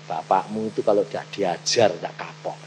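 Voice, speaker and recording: A man voicing God in a sermon story, speaking in a firm, low, measured tone of warning. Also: fairly even intonation, a little mellow, faint music behind, natural voice, poor audio. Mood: stern. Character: God speaking sternly to a believer, male.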